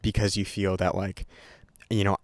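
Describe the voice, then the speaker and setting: A young man delivers a casual, unscripted vlog to his camera in a low-pitched, flat voice at normal speed. He rambles, swears freely and keeps restarting. No room sound is audible.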